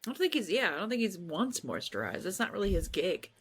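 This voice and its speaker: A woman's voice: medium pitch, fast, a little hiss or hum. A woman co-hosting a podcast who chats casually about a movie, laughing often and acting out the characters' lines. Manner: laughing, animated, acts out quoted lines. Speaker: podcast co-host. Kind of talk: casual movie-recap chat.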